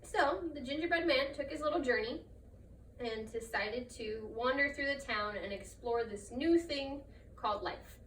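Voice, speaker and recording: A woman improvises a trickster folktale as its storyteller. Her voice is bright and on the high side. She sounds a little away from the mic, with faint noise behind her. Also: measured pace, echoey room, recorded from a distance, rough recording.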